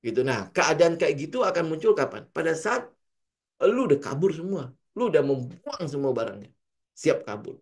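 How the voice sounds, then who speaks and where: This man's voice sits on the high side and sounds very animated, brisk and slightly rough. Speaking Indonesian with a Jakarta-slang accent, the trading coach runs a casual lesson, throwing out rhetorical questions and impersonating traders.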